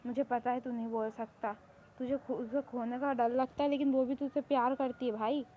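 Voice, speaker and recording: A woman's voice: fairly high pitch, level tone, moderate pace, narrow, tinny audio, slight background noise, close to an everyday voice. A woman voicing a blunt young man coaxing his friend in a spoken fan story.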